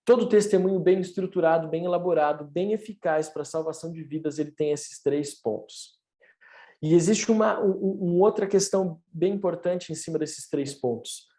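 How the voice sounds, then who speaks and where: A pastor in his thirties shares his testimony for an online church service, preaching earnestly with rising emphasis. His voice is on the high side and mellow, at a moderate pace.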